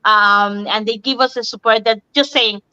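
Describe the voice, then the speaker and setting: A woman's voice: fairly high pitch, steady tone, smooth. A woman from Cuba, talking casually on a video call, often laughing and restarting her phrases. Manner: warm, laughing, halting phrasing. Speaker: nurse and online business owner. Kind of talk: casual group talk. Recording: dull lo-fi online call audio.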